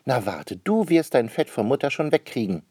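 A bossy schoolgirl from a storybook, indignant and scolding, as a man reading aloud puts her on. The voice is raised high and husky, with an animated pitch, in a dry close recording. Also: moderate pace, no room sound.

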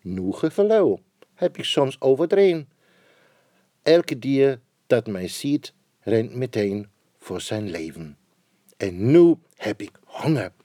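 A man's voice: mid-range voice, big pitch swings, takes it slowly, pauses often, warm tone, dry recording, studio quality. A man voicing a small, clever, boastful male mouse in a storybook reading.

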